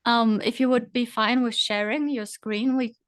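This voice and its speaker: A woman walks through a software demo on a video call, stopping often with fillers. Her voice is smooth and clear, and the sound is dry and close. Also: on the high side, steady tone, normal speed, no room sound. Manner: hesitant, many fillers, talks through on-screen steps. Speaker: guest presenter. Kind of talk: casual screen-share tutorial.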